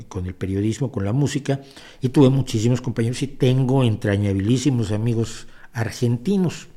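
Middle-aged Mexican male host, mellow voice, lively anecdotal delivery with frequent restarts. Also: medium pitch. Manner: animated, storytelling, piles up emphatic superlatives and restarts. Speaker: podcast host answering listener questions. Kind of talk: live chatty Q&A monologue.

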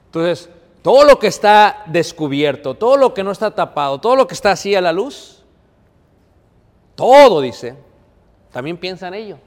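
Preacher in a reverberant hall. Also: male voice, high-pitched, big pitch swings, moderate pace, pauses often. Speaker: pastor. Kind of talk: sermon.

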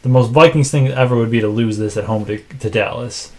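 A man co-hosting a casual sports podcast, making game picks in a dry, self-described monotone with frequent filler words. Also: medium pitch, brisk. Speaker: podcast co-host.

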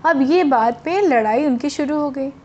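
ऊँची आवाज़ वाली कहानी सुनाने वाली महिला. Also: female voice, sits high, normal speed, a little mellow, lo-fi sound, a little hiss or hum. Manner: chatty, with asides to the children. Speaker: storyteller for children. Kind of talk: storytelling narration.

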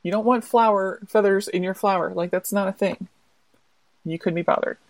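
A woman's voice: mid-range voice, steady tone, normal speed, no room sound, natural voice, rough recording. A woman voicing a hardworking, indignant little red hen in a told folktale, scolding in an exasperated rant.

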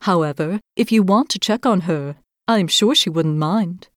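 A woman voicing a calm, protective mother mouse who speaks in a composed, firm way. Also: fairly low pitch, moderate pace, no room sound, clean studio sound, close to an everyday voice.

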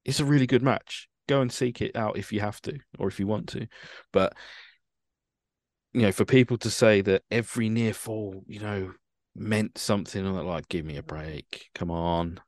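A man with a very deep voice talks in a dry, wry, opinionated way. His voice sits close and dry, with no room sound around it. He speaks in a relaxed, chatty manner. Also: normal speed, dry recording. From United Kingdom. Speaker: podcast host. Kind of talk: casual chat.

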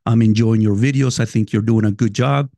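A man's voice: lowish voice, fairly even intonation, fairly quick, gravelly, warm tone, no room sound. Brief: male podcast host, 50s, Salvadoran Spanish accent, casual swearing monologue at his desk, dry close sound. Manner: loose, chatty, swears casually, talks straight to listeners.

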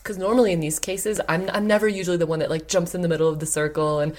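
A woman's voice: on the low side, steady tone, fast, a little mellow. A woman hosting a podcast, talking reflectively and openly with lots of casual fillers. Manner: thoughtful, many "like" and "you know" fillers. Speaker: podcast host.

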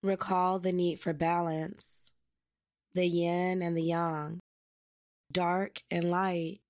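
Slow, even-toned woman guiding meditation. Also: fairly low pitch, dry recording, clean studio sound. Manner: slow, deliberate, measured phrasing. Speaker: guided meditation host. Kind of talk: guided meditation and reflective spoken narration.

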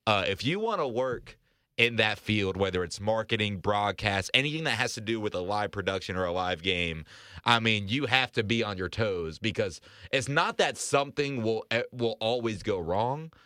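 A young man in his twenties tells a rambling story as a casual podcast guest, stumbling over restarts and laughing between lines. His voice sits a bit low but sounds bright and forward. The recording is close and dry. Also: clean tone, dry recording. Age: 20s. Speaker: in-arena host and announcer.

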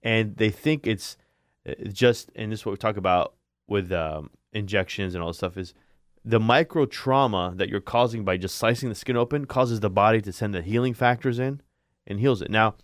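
A man's voice: on the low side, normal speed, dry recording, clean studio sound. A man who is an orthopedic surgeon, explaining injuries in a casual radio chat, repeating words and laughing easily.

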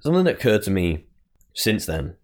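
A man's voice: fairly low pitch, very animated, fairly quick. A man co-hosting a podcast in casual, bantering conversation. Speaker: podcast co-host.

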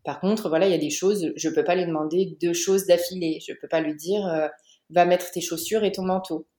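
A woman from the Paris region in her thirties, telling her family story as a podcast guest, with frequent pauses and fillers. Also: lowish voice, steady tone, dark tone, reverberant. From Paris region, France. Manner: hesitant, many "euh" fillers and restarts. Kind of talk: podcast interview, personal testimony.

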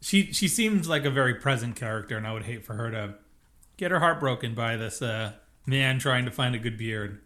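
Bright-voiced man recapping a show. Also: medium pitch, a little fast. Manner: rambling, self-correcting, animated. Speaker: podcast co-host. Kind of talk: casual chat recapping a TV episode.

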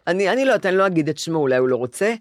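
Older woman, chatty and expressive, swings up and down a lot, dry close mic. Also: lowish voice, dry recording. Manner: animated storyteller, acts out voices. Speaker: co-host. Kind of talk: casual chat.

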